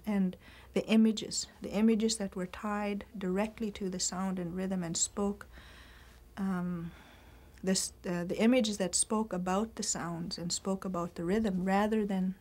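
A middle-aged woman giving reflective interview answers, speaking thoughtfully with pauses and restarts, recorded in a library room. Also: mid-range voice, fairly even intonation, darkish tone. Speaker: writer and teacher interviewed.

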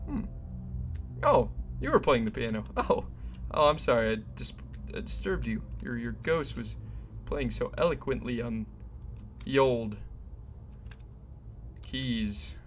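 A man's voice: medium pitch, expressive, slow, long pauses, a little hiss or hum. A man giving casual, jokey commentary to himself while he plays a horror game. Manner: chatty, jokey, muttering to himself. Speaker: gamer playing a horror game. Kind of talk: casual let's-play commentary.

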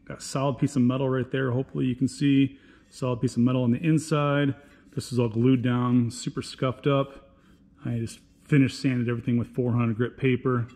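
A man's voice: medium pitch, level tone, brisk, warm tone. A man hosting a casual workshop video, talking in a folksy, laid-back, self-deprecating way while he works. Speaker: channel host.

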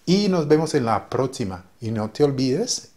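A man's voice: mid-range voice, sing-song, moderate pace, darkish tone. Man explaining patiently in a video lesson. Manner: patient, repeats words, frequent fillers. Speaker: language teacher.

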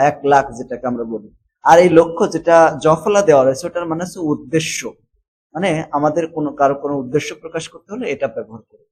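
A man, teaching a textbook lesson and repeating words slowly, with fillers and English words mixed in. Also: a little high, darkish tone, husky, poor audio.

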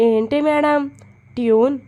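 A woman's voice: on the high side, steady tone, a little slow, narrow, tinny audio, close to an everyday voice. A woman voicing a cocky, teasing young man in a storybook reading, with a bold, bragging manner. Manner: bold, mock-serious, bragging.

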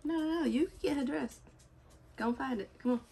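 A woman's voice: high-pitched, a little fast, mellow. A woman in her twenties chatting casually in a family vlog, blunt, sassy and swearing freely. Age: 20s. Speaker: family vlogger.

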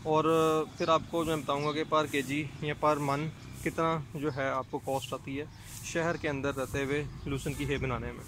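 With a slightly higher voice, a rooftop goat-farming vlogger stands beside drying hay and gives practical, step-by-step explanations peppered with "jo hai na" fillers. It's a plain, casual explanatory vlog shot on a handheld phone outdoors, with steady noise in the background.

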